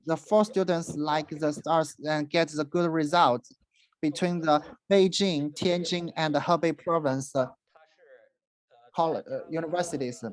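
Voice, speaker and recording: Slow hesitant presenter, lots of uh and restarts, formal school talk. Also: medium pitch, fairly even intonation, rough recording. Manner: halting and hesitant, frequent fillers and restarts. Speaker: university presenter and interpreter. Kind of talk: presentation with live interpreting.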